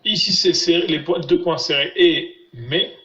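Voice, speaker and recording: A man teaching a live online class, patiently repeating syllables slowly for his students over a video call. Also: a little high, pushed and bright. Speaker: Biblical Hebrew teacher. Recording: roomy, dull lo-fi sound.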